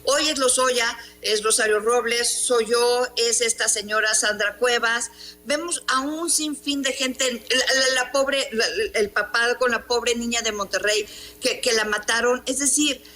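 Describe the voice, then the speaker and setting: A woman's voice: fairly high pitch, fairly even intonation, a little slow, pushed and bright, a little hiss or hum. A middle-aged woman journalist with a Mexican accent, giving an emphatic, indignant interview and asking rhetorical questions. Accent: Mexican Spanish. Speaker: journalist and columnist. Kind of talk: interview on news program.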